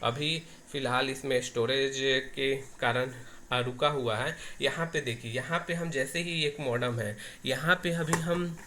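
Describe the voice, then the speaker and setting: A man with a medium-pitched, bright, pushed voice walks through a technical setup step by step at an unhurried pace. Working as a technician giving a hands-on tutorial, he repeats himself and restarts phrases while demonstrating. The amateur recording is noisy and full of clicks.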